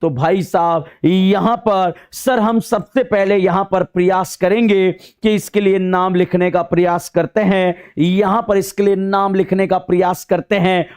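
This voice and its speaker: A man teaching a chemistry lecture in a playful, sing-song way, teasing his students and slowly stretching out key words on his phrases. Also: high-pitched, darkish tone. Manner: addresses students with teasing nicknames.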